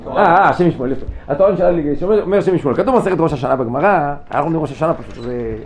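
A man giving an informal Torah class to yeshiva students, asking them questions and joking as he teaches. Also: a little high. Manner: lively, asks students questions, jokes. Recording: dull lo-fi room recording with faint noise.

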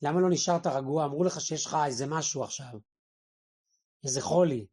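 A man giving a Torah lesson to a group, animated, firing rhetorical questions and acting out the voices he quotes. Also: a little high, husky. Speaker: religious teacher.

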